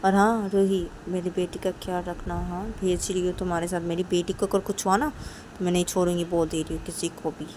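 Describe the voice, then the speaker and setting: A woman's voice: fairly low pitch, level tone, brisk, a little mellow, a little hiss or hum, lightly acted. A woman voicing Piu, a bossy young woman who coaxes and insists, repeating herself, in an amateur audio story. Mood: insistent. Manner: pushy, coaxing, repeats herself. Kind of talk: amateur storytelling with acted voices.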